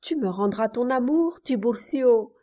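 A gentle young Spanish woman speaks softly, with quiet reproach in her voice, as a woman reader puts her on. The storybook reading is slow and even. Her dignity shows under the softness. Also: fairly high pitch, voice pushed up. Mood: pleading, proud. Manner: soft, reproachful delivery.

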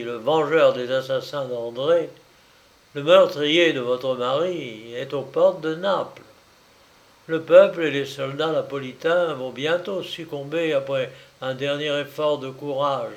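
A man reading an arrogant, scornful middle-aged admiral with a cold, stern, forceful delivery in an audiobook. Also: on the high side.

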